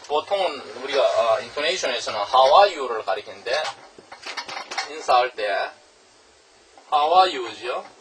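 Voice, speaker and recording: Animated male literature lecturer. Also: medium pitch, distant mic, a little hiss or hum, low-quality recording. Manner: animated, rhetorical questions, reads English lines slowly. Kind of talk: classroom lecture on a novel.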